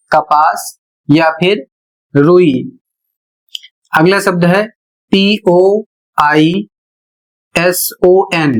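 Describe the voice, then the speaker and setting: A man teaching a spelling and pronunciation lesson, spelling words out letter by letter in a slow, deliberate way. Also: a little high. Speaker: English teacher.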